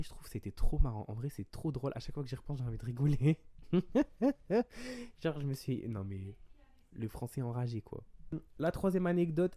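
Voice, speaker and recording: A young man from France telling a story in a casual, animated vlog style, quoting the people in it. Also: mid-range voice. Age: young adult. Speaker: vlogger.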